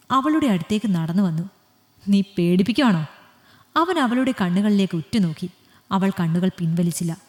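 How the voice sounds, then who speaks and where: A woman storyteller reads an audiobook story in a steady, expressive voice, pitched in a middle register. A long echo trails every phrase. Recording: long room reverb.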